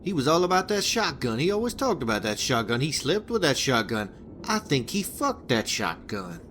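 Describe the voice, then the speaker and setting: A man's voice: medium pitch, sing-song, normal speed, fairly bright tone, slight background noise. An actor playing a crude, rambling male hitman boss in a video game, talking in a profane, stammering flow full of restarts. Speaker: game character giving a hitman job.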